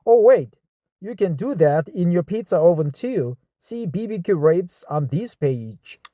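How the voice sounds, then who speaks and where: Reading an English text aloud, a man from Korea with a Korean accent goes slowly, stopping repeatedly to comment and rehearse words. He has a high-sitting, expressive voice with a dark tone, recorded without echo.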